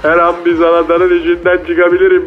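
Speaking fairly quickly in a high, monotone voice, a man plays a cocky male mole cricket heard over a phone line in a comedy radio sketch. He's in a taunting mood, using slangy, boastful street talk, and soft music plays behind him.

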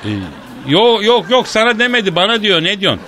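A man hosting a radio comedy show, bantering loudly and staging a mock phone call in a teasing, mock-indignant way. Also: high-pitched, a little fast, noisy background.

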